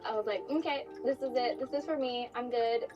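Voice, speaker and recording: A woman's voice: on the high side, fairly quick, highs cut off. A woman who is a cake baker, chatting in a bubbly, quirky, giggly way on a studio kitchen set. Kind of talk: casual competition-show chat.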